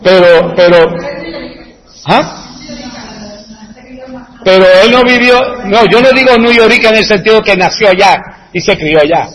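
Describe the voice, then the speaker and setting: A man's voice: high voice, a little slow, pauses often, a bit bright. A man chatting casually as a host, rambling, asking rhetorical questions and chuckling. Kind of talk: casual chat, answering viewer comments. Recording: echoey room with long reverb.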